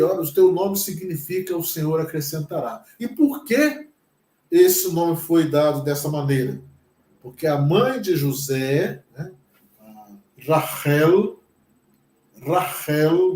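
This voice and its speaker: A Brazilian man leads a slow, deliberate language lesson, sounding each word out and repeating it patiently. His voice sits a little high for a man. The room around him is echoey. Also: darkish tone. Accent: Brazilian Portuguese. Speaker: pastor teaching Hebrew.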